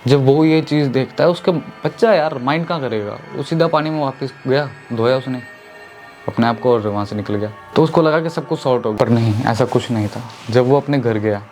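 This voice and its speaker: Man, casual horror storyteller, chatty and direct with listeners, mid-pitched voice, faint music underneath. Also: brisk, darkish tone. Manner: chatty, addresses listeners as friends. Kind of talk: casual spoken horror narration.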